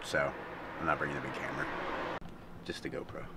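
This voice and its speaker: A vlogger in his thirties films his own casual vlog in a hotel room and a parked car, holding an action camera at arm's length. He rambles in a relaxed way with lots of ums. His voice is extremely low and brisk, with heavy background noise.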